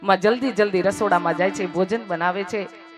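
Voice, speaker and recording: A woman storyteller delivering a devotional katha, her voice dropping to near-hushed lines and then swelling loud for emphasis. Her pitch sits mid-range for a woman, and faint music plays behind her. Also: brisk. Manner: dramatic, swinging between hushed and loud.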